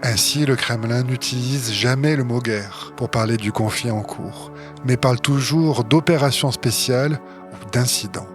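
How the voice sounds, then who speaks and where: A man co-hosting a podcast, reading scripted narration and bantering in a measured, explanatory way with dry humor. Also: mid-range voice, over music. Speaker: podcast co-host.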